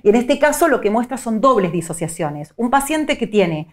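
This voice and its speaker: A middle-aged woman with a Rioplatense Spanish accent, a psycholinguist giving clear, teacherly explanations in an interview. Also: fairly high pitch, big pitch swings, normal speed. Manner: clear, didactic, illustrates points with examples. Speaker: psycholinguist guest.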